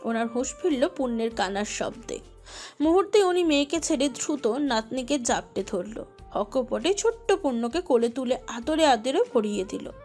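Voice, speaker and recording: A woman narrating a romantic audio story with expressive, emotive delivery. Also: fairly high pitch, normal speed, faint music behind.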